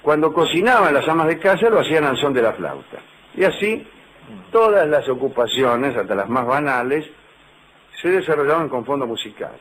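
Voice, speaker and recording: On poor audio, a middle-aged man with a Rioplatense Spanish accent hosts a radio show styled as a humorous lecture full of dry, digressive asides. His fairly high, fairly bright voice is expressive and moves at a moderate pace.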